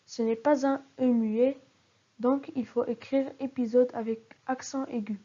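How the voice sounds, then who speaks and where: A woman's voice: on the high side, steady tone, measured pace, mellow. A woman teaching a recorded spelling lesson, carefully spelling out example words syllable by syllable. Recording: dull lo-fi recording.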